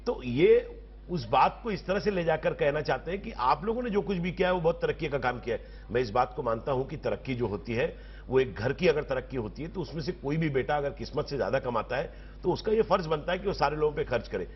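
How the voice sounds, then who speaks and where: A man with a fairly high voice makes his case as a panelist in a televised debate. He drives his points home forcefully in long, rhetorical sentences. The broadcast audio sounds somewhat dull. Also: lively intonation, fairly quick, breathy edge. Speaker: political panelist.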